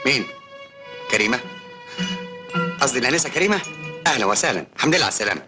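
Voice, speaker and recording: An actor playing a calm, polite gentleman who speaks soothingly on the phone, in a classic film. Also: mid-range voice, very fast, loud music behind the voice. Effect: phone call. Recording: noisy old film soundtrack.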